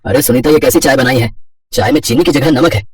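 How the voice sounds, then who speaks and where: A voice actor playing a brisk, bossy grown man in a cartoon story. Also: medium pitch, recorded from a distance, lightly acted. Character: gruff grown man, guard and husband.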